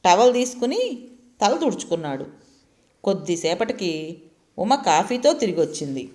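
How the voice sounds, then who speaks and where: A woman narrating a family story in a steady, expressive reading. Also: medium pitch, normal speed.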